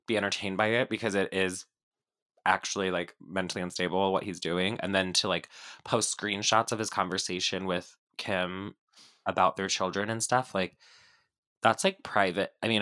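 A male podcast co-host with a slightly low, bright and forward voice that carries vocal fry. He chats casually in a rambling way, leaning on "like" as he goes. The recording is close and dry. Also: dry recording. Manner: heavy filler "like", rambling, hedging. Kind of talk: casual pop culture podcast chat.

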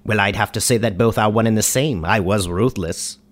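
Man voicing a merry warlord ghost, whimsical, rambling, low voice, comedy radio sketch. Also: brisk, lightly acted. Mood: jolly. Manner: whimsical, rambling, sing-song. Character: goofy ghost of a warlord, adult man, cheerful and absurd.

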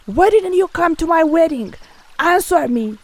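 A woman voicing a bad-tempered male god, ruler of the gods, booming and demanding. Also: lively intonation, a little slow, no echo. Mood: furious.

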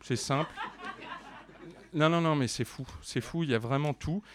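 A man giving a deadpan mock review of a dictionary, rambling with many restarts and fillers. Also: on the high side, moderate pace, a crowd in the background.

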